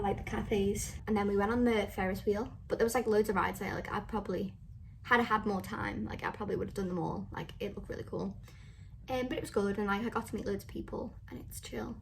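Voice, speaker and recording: A woman's voice: medium pitch, vocal fry, slight background noise. A young woman recapping a trip in a casual vlog, chatty and full of filler "like"s. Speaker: travel vlogger.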